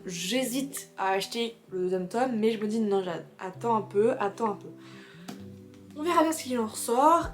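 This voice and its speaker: A woman presenting books in a casual vlog, chatty and excitable, laughing often and reading back-cover blurbs aloud. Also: mid-range voice. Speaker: booktuber. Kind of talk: casual book haul chat.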